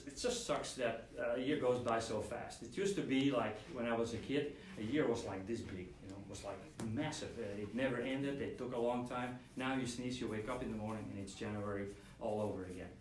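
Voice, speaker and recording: A man's voice: mid-range voice, brisk, few pauses. Rambling male live-stream host, roomy sound. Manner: rambling, with many fillers and restarts. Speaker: host of a weekly model-kit live stream. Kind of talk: casual live-stream chat. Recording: roomy echo, speaker away from the mic, faint room hum.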